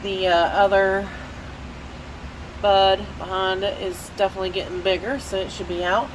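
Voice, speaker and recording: In a casual walk-through vlog, a woman with a Southern US accent gives a tour of her orchid shelves, her head stuffed up from a cold. She speaks at medium pitch in a steady tone and moderate pace, rambling with many fillers, and sounds nasal when bending over. Background noise is audible.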